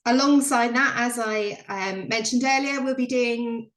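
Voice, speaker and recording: A woman's voice: a little high, fairly even intonation, a little slow, echoey room. A woman giving a chatty, filler-heavy business update on a video call. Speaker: presenter on a member call.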